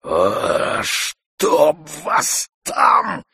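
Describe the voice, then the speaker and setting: A man voicing a gruff, stubborn old male servant who grumbles slowly, in an audiobook. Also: lowish voice, huge pitch swings, bright, forceful tone, no room sound, clean studio sound, full character voice. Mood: grumbling.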